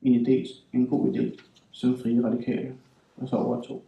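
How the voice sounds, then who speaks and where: A man reading his own literary writing aloud in a deliberate, measured way. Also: mid-range voice, monotone, gravelly, far from the mic, narrow, tinny audio. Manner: measured, deliberate delivery with slow emphatic stretches. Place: reading hall at a writing school. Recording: roomy hall, voice from afar.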